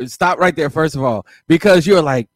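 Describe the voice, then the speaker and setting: A man hosting a casual chat, an animated storyteller who keeps laughing and acting out what others said. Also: on the high side, moderate pace, no room sound, studio quality.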